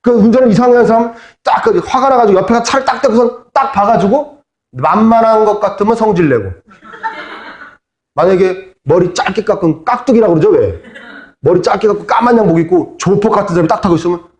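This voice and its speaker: A man's voice: high-pitched, quick pace, a little mellow. A middle-aged man preaching as a pastor, in a conversational sermon with humorous asides. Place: church sanctuary. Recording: echoey church hall.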